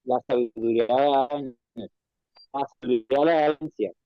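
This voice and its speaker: A man's voice: mid-range voice, fairly quick, no room sound, muffled recording. A male student speaking in an online class over a video call, with his audio choppy and breaking up, making brief informal remarks to the teacher.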